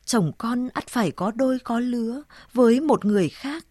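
A woman's voice: a little high, animated, moderate pace, mellow, dry recording, studio quality. A woman voicing a sorrowful old grandmother, murmuring tenderly to her dead daughter in a storybook reading. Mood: grieving. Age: older.

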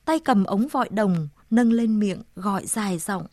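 A woman narrating a story in a slow, measured, solemn reading. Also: medium pitch, darkish tone, no echo, clean studio sound.

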